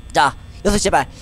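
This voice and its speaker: A young man giving live horror game commentary, scared and jumpy, exclaiming and repeating his words in panic. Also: sits high. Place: indoor room at a desk, streaming with webcam.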